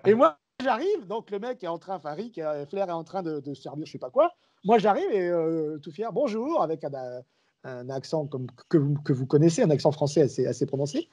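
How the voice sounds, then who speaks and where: A man's voice: fairly high pitch, fairly quick, highs cut off. A man, a guest commentator, telling anecdotes in a casual podcast chat and acting out the dialogue as he goes. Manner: lively storyteller who acts out dialogue. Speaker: guest, sports and wrestling commentator.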